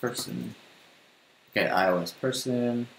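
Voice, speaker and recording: A man's voice: medium pitch, a little slow, a bit bright. A young man teaching coding in a casual screencast, talking to himself as he types. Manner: casual, thinking aloud while typing. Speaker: coding tutor. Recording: roomy home recording with faint hiss.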